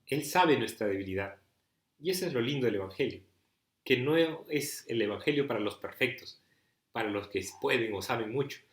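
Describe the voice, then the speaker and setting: A man's voice: medium pitch, animated, normal speed, roomy sound. A man preaching a sermon, emphatic and pleading, full of rhetorical questions to the listener.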